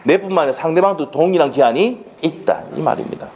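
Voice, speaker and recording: A man with a Gyeongsang accent lectures on law in a plain, chatty classroom manner. His pitch swings widely as he throws rhetorical questions at the class and checks that they follow. His delivery is blunt and colloquial. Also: animated, fast, darkish tone, slight background noise. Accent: Gyeongsang Korean.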